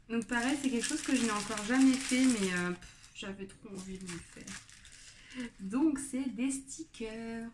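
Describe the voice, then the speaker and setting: A woman's voice: medium pitch, background noise. Chatty French woman gushing over crafts. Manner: chatty, gushing, many fillers and little exclamations. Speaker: craft vlogger. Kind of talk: casual unboxing chat.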